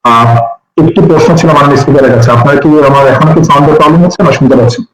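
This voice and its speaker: A fairly high-voiced young man speaks in a mock parliamentary debate, pausing again and again on long filler sounds. Heavy echo rings around every phrase, as if he stands in a big bare hall. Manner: hesitant, many drawn-out filler sounds. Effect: heavy echo on his voice. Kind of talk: formal debate speech. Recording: echoey room through a mic.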